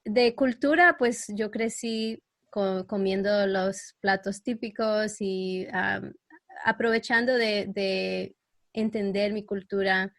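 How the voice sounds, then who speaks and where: A middle-aged woman from El Salvador, raised in New York, talks as a guest in a relaxed podcast interview. She pauses often, fills gaps with small sounds, and now and then searches for a word. Her voice sits at an average pitch and is recorded dry, with no room sound. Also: dry recording. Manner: hesitant, frequent fillers, searches for words. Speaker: guest expert.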